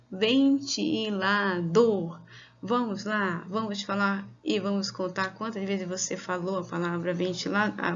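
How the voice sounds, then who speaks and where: A woman teacher with a Brazilian Portuguese accent giving a video lesson to children, speaking slowly and patiently and drawing out words. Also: medium pitch, creaky, dull audio.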